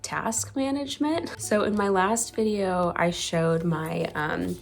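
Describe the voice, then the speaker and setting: A woman's voice: on the low side, slow, gravelly. Young woman vlogger, congested from a cold, casual and candid chat. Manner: candid, chatty, upbeat. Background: music.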